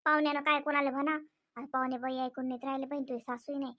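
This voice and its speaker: A woman voicing a timid elderly man who is a guest in the house in an animated comedy, muttering worriedly under his breath. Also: sits high, fast, pitched below the performer's own voice. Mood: hushed fretting.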